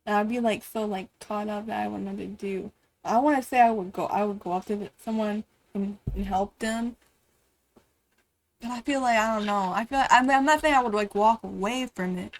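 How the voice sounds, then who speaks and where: A woman's voice: mid-range voice, brisk, rough recording. A woman streamer reacting on a live stream, rambling with lots of "like" and "bro" and frequent swearing.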